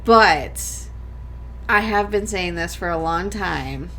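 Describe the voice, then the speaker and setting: A woman's voice: on the low side, slow pace, sharp tone, a little hiss or hum. Chatty podcast host woman. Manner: chatty, laughs often. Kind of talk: casual podcast chat.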